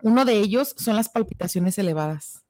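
A woman with a Mexican accent in casual chat as co-host, animated and acting out quoted people. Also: brisk, no echo, clean studio sound. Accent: Mexican Spanish. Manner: animated, acts out quoted people in high voices.

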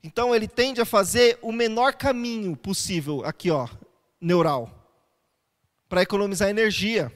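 Male pastor, high-pitched, chatty sermon delivery with rhetorical questions, recorded in a reverberant church. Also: moderate pace. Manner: conversational teaching with rhetorical questions.

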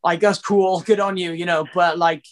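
A man's voice: high-pitched, steady tone, normal speed, a little hiss or hum. A Welsh man from Wales, a singer talking casually in an interview, rambling with lots of fillers and restarts.

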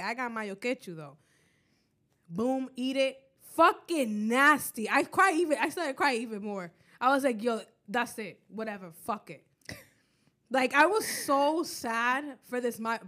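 A young woman co-hosts a podcast in casual, slangy chat with a high voice. She laughs often while telling stories and swears freely. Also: a bit bright. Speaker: podcast co-host.

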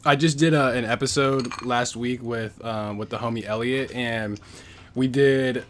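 A young man hosts a casual book podcast. He rambles through a retelling in loose slang, stacking "like" and "bro" as he goes. His voice sits at an ordinary middle pitch. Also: steady tone, unhurried, fairly bright tone, slight background noise. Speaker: podcast host.

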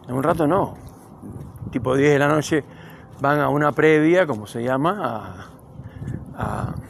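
A man's voice: medium pitch, gravelly, a little hiss or hum. A man from Cuba hosting his own podcast, improvising a loose, rambling monologue while walking outdoors on a city street. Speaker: podcast host. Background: passing cars.

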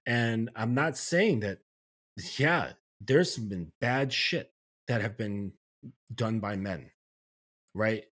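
A man's voice: fairly low pitch, lively intonation, slow pace, long pauses, a bit bright. A man talking as a guest on a podcast, reflective, often checking in with the listener as he makes his points. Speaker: guest, men's coach. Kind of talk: podcast conversation.

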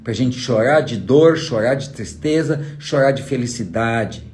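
A man's voice: mid-range voice, expressive, measured pace, darkish tone. A man giving an emphatic motivational talk as a trainer, full of rhetorical questions aimed at the listener. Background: faint guitar music.

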